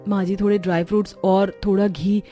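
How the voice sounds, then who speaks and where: A man's voice: high-pitched, flat delivery, a little fast, mellow, soft background music, pitched above the performer's own voice, natural voice. A man voicing a polite, put-upon young daughter-in-law in a storybook cartoon. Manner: polite, pleading. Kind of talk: storybook narration.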